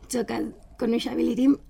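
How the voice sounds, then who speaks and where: Young spanish woman, highish mellow voice, foreigner doing broken halting turkish in an interview. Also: flat delivery, creaky, slightly rough. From Valencia, southern Spain. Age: 20s. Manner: broken, halting learner's Turkish with repeated and corrected words. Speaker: interview guest, foreign student. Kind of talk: casual interview answers.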